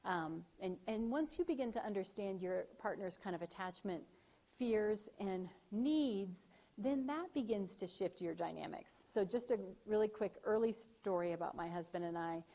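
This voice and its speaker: A woman lecturing at a campus event in a warm, chatty way. She keeps checking in with her audience and grows animated when she tells stories. Her pitch sits in a middling range. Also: normal speed. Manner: chatty, frequent "right?" check-ins, animated retellings. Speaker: university lecturer. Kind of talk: lively campus talk. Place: event room.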